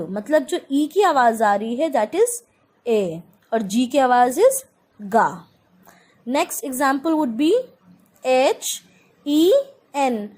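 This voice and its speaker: Slow, high-voiced Indian woman teaching phonics. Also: darkish tone. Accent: Indian English. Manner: slow, spells out letters and mixes Hindi and English. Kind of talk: children's phonics lesson.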